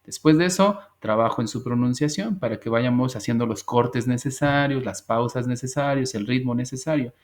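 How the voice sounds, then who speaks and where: A man teaching an online English class, talking over a video call at a middle pitch. He is patient, repeats words and slows down to drill pronunciation, like a teacher walking students through each step.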